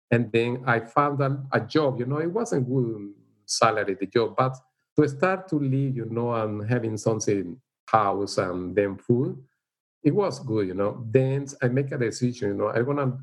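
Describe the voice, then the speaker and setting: A middle-aged teacher from El Salvador, speaking English as a second language with a Salvadoran Spanish accent, is interviewed casually about his life story. He talks in a halting, unhurried way, with frequent "you know"s, other fillers, and light laughs; his voice is mid-range and the audio poor.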